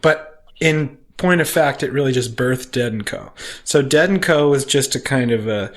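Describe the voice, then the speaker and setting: Man, podcast guest, casual storytelling, rambling, laughs often, middle pitch. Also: moderate pace. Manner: rambling, laughs often, quotes people in voices.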